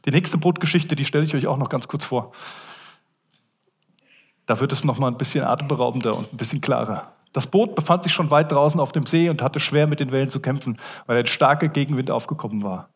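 Husky-voiced man preaching a sermon. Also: medium pitch, a little fast. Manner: earnest, conversational preaching with direct address. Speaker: pastor.

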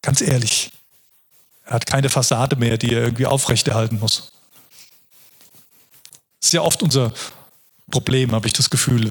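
A man's voice: mid-range voice, slightly rough. A man preaching a sermon in an earnest, reflective way, often restarting his sentences.

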